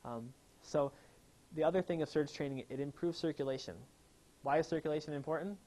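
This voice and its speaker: Over poor audio, a man's fairly high, dark voice comes through at a brisk clip. He's a chiropractor giving an eager health talk to a live audience in the room, quizzing listeners along the way.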